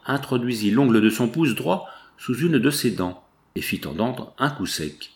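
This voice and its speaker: A man narrating a classic novel as an audiobook, in a measured storytelling manner. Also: medium pitch, animated. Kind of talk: scripted literary narration.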